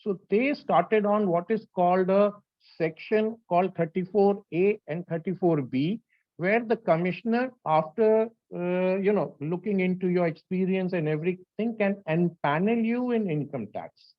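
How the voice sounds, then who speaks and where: A man's voice: high voice, moderate pace, dull audio. A man with a North Indian accent giving an explanatory lecture, speaking insistently and repeating his phrases. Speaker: lecturer, registered valuer. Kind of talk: explanatory lecture with audience questions.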